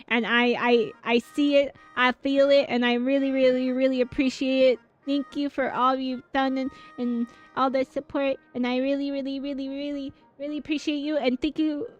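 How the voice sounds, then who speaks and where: A woman streamer chats loosely while playing, full of fillers and asides to her viewers. Her voice sits fairly high. Her talk stays casual and unscripted throughout. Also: muffled recording. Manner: chatty and rambling, filler-heavy, reacting to chat. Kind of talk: casual gaming livestream chat.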